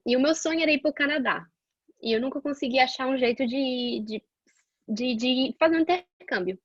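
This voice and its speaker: A young Portuguese woman, a guest scientist, tells the story of her own career in a relaxed, chatty manner, full of fillers and false starts. Her voice is high-pitched, and the muffled recording carries no room sound.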